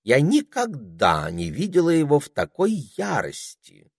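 A man voicing a meek, dutiful duchess in an audiobook, agreeing flatly. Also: a little high, a little slow, creaky, slightly rough, no echo, clean studio sound, pitched above the performer's own voice, heavily acted.

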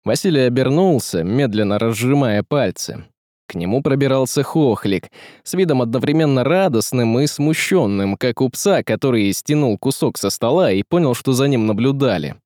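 A man's voice: mid-range voice, expressive, normal speed, warm tone, dry recording, clean studio sound. A man narrating a story as an audiobook reader, telling it expressively and voicing each character. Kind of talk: scripted narration.

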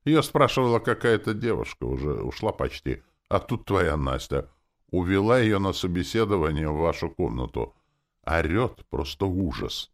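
A man voicing a gruff male orc who growls, grumbles and swears. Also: low-pitched, very animated, normal speed, pitched above the performer's own voice. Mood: gloomy. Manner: growling, cursing.

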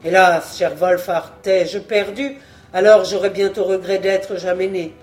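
An audiobook reader voicing a grieving, proud male warrior king who laments loudly. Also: mid-range voice, normal speed, soft background music, lightly acted. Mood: lamenting. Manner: lamenting, emphatic. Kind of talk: audiobook reading.

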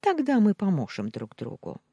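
A woman's voice: medium pitch, huge pitch swings, normal speed, creaky, warm tone, husky, no echo, highs cut off, pitched above the performer's own voice, exaggerated voice. A woman voicing a bitter, scornful young wife of twenty-one who talks sharply and hisses her demands. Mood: scheming, cool.

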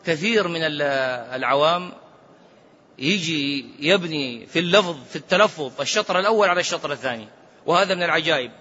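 A man, a sheikh giving a lively religious lesson, switching between everyday speech and chanted quotations. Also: a little high, fast talker, long pauses, breathy edge. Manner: lively, mixes colloquial Arabic with quoted scripture, chants some phrases. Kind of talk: sermon-style religious lesson. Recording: lo-fi recording in a reverberant hall.

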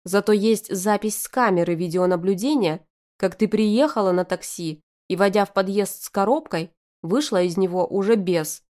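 A woman's voice: mid-range voice, moderate pace, darkish tone, natural voice. A woman reading the lines of a stern, angry young father who speaks in cold, clipped growls. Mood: cold anger.

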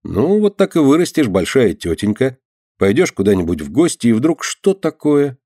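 A man voicing a calm, serious mother in an audiobook, speaking in a measured, instructive way. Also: mid-range voice, dry recording, studio quality, voice pushed up. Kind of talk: audiobook character voice.

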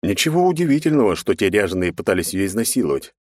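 Deep-voiced male audiobook narrator. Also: big pitch swings, fast, darkish tone, no room sound, studio quality. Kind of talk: first-person audiobook narration.

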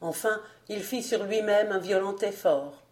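A woman reading a classic novel aloud as an audiobook narrator, measured and deliberate. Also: medium pitch, a little mellow.

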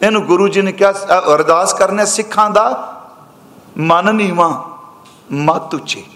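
High-voiced man preaching in echoing hall. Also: fairly bright tone. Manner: slow, measured chanting of verses between plain explanations. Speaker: preacher giving scripture commentary. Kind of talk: sermon. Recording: echoey hall reverb.

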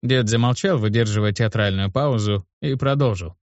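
A man narrating a first-person fantasy story in a measured, matter-of-fact way, in a dull, dry lo-fi recording. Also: fairly low pitch, dry recording. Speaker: audiobook narrator.

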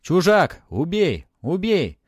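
A man voicing a chorus of bloodthirsty cursed spirits, shouting in a frenzy in a storybook reading. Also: fairly high pitch, wildly swooping pitch, slow pace, husky, no echo, studio quality, pitched above the performer's own voice, heavily acted. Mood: frenzied shouting.

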